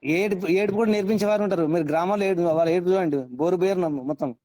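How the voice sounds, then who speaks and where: A man's voice: sits high, rapid-fire, mellow, no echo. A man teaching a scripture class, quizzing his students and repeating his points for emphasis. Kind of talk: interactive class lecture.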